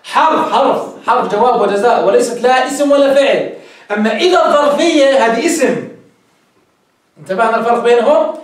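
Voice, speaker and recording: High-voiced man lecturing in an echoey classroom. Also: fairly quick. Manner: explains step by step, quizzing students with questions. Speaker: teacher of Arabic grammar. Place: classroom with a board. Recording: very echoey room, mic far off.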